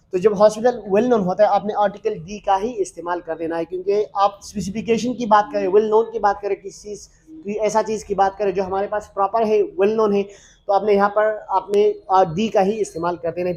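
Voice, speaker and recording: Male tutor, higher-pitched voice, patient step-by-step explainer who loops back and repeats. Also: dark tone. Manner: explains step by step, repeats words and restarts, often says "matlab". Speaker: English teacher. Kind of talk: recorded lesson explaining grammar.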